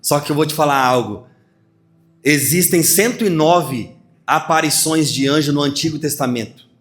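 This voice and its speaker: A man's voice: on the high side, moderate pace. A man preaching a sermon as pastor, acting out voices and laughing as he teaches. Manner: lively preaching with acted dialogue and laughter.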